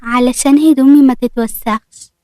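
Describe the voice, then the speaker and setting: A bashful young Egyptian bride, gentle and a little shy, in a storybook reading, as a woman reads her. The voice is fairly high, close and dry. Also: fairly even intonation, normal speed, no echo, natural voice.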